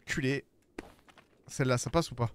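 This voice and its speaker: A man streaming a video game, chatting casually with viewers and swearing, with bursts of shouting at the animals in the game. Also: mid-range voice, moderate pace, a little hiss or hum. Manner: talks to his chat viewers. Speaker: streamer playing a climbing game. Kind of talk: casual gameplay commentary.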